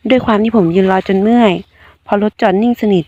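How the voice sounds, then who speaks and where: A woman's voice: on the high side, fairly even intonation, fast, warm tone, dull audio. A woman reading a romance web novel aloud, narrating in a blunt, slangy first-person voice. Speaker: audiobook reader.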